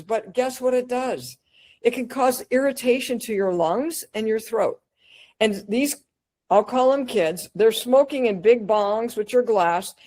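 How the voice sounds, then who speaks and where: A woman giving an energetic, chatty lecture over slides on cannabis wellness, asking her audience questions and acting out little scenes. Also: on the high side, poor audio.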